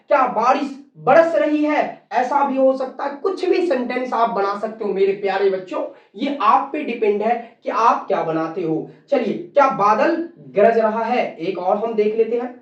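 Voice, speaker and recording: Male grammar teacher at a board, slow and deliberate, recorded from across an echoey classroom. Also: very high-pitched. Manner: spells words out letter by letter, addresses students as children. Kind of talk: classroom lesson on a whiteboard. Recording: distant, roomy and dull-sounding classroom recording.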